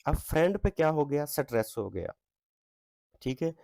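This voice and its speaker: A man teaching an English textbook lesson, reading example sentences slowly with stress and checking in with his students often. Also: a little high, very animated, gravelly, darkish tone, no room sound, studio quality. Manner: reads English lines slowly with stress, asks "ठीक है?" often. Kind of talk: explaining a textbook exercise.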